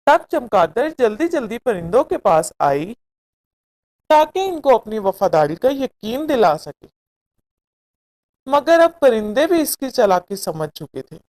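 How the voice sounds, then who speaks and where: Reading a children's story with a moral, this woman speaks in a slightly high voice. Her telling is unhurried and full of expression.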